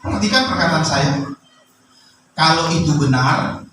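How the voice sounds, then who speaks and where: A man pastor preaching a sermon, bursting into loud rising phrases and asking the congregation questions. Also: a little high, normal speed, heavy reverb, far from the mic, over music, low-quality recording.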